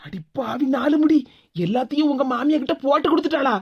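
A woman's voice: sits high, a little fast. A woman voicing a feisty, blunt young cartoon woman who scolds, with a Tirunelveli Tamil accent. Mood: scolding. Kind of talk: cartoon voice acting. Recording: dull lo-fi recording.

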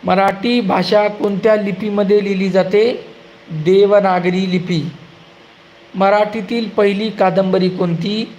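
Guy doing quiz questions for exams, high voice, slow, drags out the answers. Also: fairly even intonation, a little mellow, highs cut off, a little hiss or hum. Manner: asks a question, then gives the answer slowly and drawn out. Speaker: exam-prep quiz teacher.

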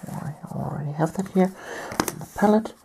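A woman from Germany, talking softly through a painting tutorial while she has a cold and keeps clearing her throat. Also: lowish voice, moderate pace, a little hiss or hum. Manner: soft-spoken, often near a whisper. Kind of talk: step-by-step tutorial narration.

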